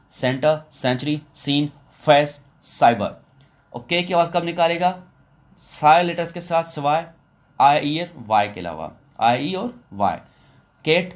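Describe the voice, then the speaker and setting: A man teaching English phonics in an online lesson, explaining each rule step by step, repeating it and asking his listeners questions, and slowing right down for English phrases. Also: medium pitch. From Pakistan. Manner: slows down sharply to say English phrases.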